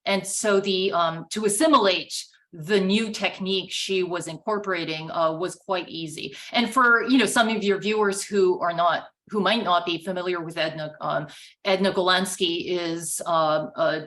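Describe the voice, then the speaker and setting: A woman's voice: lowish voice, normal speed, fairly bright tone. Thoughtful woman pianist guest laughing often. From Japan. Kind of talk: conversational interview.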